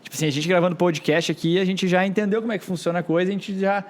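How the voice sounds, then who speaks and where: A man, hosting a podcast in relaxed, conversational chat. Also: sits high, very fast. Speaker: podcast host.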